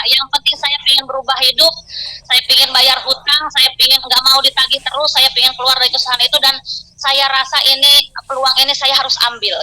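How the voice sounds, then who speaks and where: A woman's voice: high voice, bright, forceful tone, rough recording. A middle-aged woman giving an emotional personal testimony, telling her story with quoted dialogue. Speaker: business success story guest.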